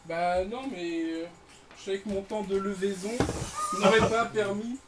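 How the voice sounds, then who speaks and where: A man with a high-pitched voice chats casually, tossing out tips and reactions during a game. Very loud background noise and clicks run underneath. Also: unhurried. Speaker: player giving tips and reactions. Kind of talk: casual gaming chat.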